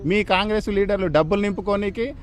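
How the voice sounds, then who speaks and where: Fiery fast-talking Telangana man. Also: sits high, steady tone. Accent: Telangana Telugu. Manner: angry, defiant, shouting accusations. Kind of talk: street interview.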